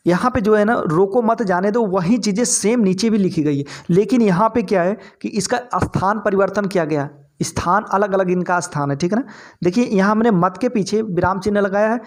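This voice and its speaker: High-voiced man teaching a grammar lesson. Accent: Hindi-speaking north Indian. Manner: repetitive, checks in with listeners often. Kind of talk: exam-prep grammar lesson.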